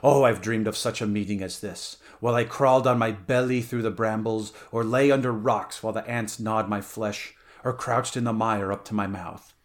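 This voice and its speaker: A man's voice: lowish voice, fairly even intonation, normal speed, hardly any pauses, close to an everyday voice. A man voicing a powerful, vengeful barbarian swordsman in a dramatic story reading, in a ranting, cursing manner. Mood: furious, gloating. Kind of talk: dramatic audiobook character reading.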